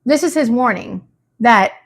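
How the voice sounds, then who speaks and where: A woman's voice: on the high side, lively intonation, unhurried. A woman hosting a casual recap chat, talking animatedly and mimicking people as she retells scenes. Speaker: reality show recap host.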